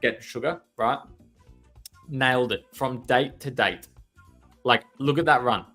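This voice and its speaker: A man co-hosting a trading show, chatting casually and upbeat about markets with quick asides. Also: mid-range voice, fairly bright tone.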